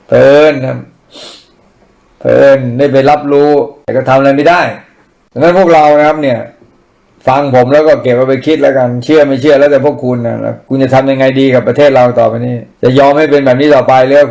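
A man's voice: medium pitch, gravelly, a little mellow. A man giving blunt, profane political commentary in casual rant style, mocking and crude.

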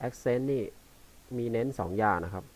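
A man teaching bass, explaining notation loosely and haltingly between examples played on the instrument. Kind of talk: casual instructional talk between playing. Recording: quiet voice under loud bass playing. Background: loud electric bass playing.

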